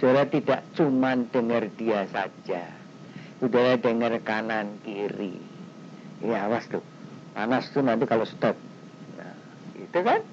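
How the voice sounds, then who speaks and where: A man preaching a sermon in an animated, conversational way, with sudden leaps in pitch. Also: a little slow, long pauses. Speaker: pastor. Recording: dull, slightly noisy 1990s recording.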